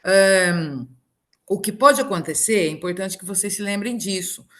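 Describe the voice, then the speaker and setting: Female teacher, mid-pitched, patient explanatory lecture voice. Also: normal speed, a bit bright. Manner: explanatory, checks in with tag questions. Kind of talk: classroom lecture.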